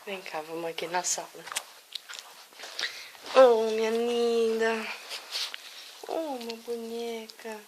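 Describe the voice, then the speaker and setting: A woman, talking in baby talk to her dog at home with high-pitched cooing that shifts into soft soothing. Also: fairly even intonation, slow, long pauses, background noise. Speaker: dog owner.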